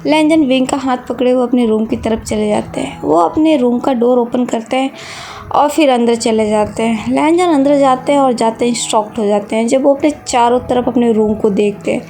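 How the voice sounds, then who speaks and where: A woman reading a fan fiction story aloud in a plain, steady storytelling manner. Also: fairly high pitch, moderate pace, a little hiss or hum.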